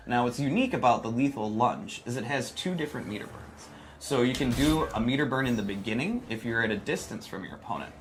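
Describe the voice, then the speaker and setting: A man demonstrates a fighting game character with casual, informal live commentary, explaining as he plays and poking fun at himself playfully. His voice is medium in pitch, and there is background noise.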